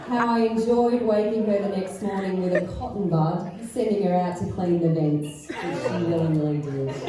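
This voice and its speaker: A middle-aged woman reading a mother of the bride speech, affectionately roasting with dry, deadpan humour. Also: fairly low pitch. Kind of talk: wedding speech read aloud, affectionate roast. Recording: echoey venue, far from mic, faint noise.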